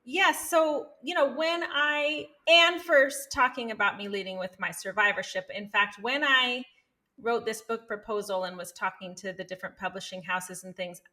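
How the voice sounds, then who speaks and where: A woman's voice: fairly high pitch, fairly even intonation, moderate pace, pushed and bright. A woman psychologist and author, a podcast guest, talking earnestly and animatedly, often checking in with "right?". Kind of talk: conversational interview.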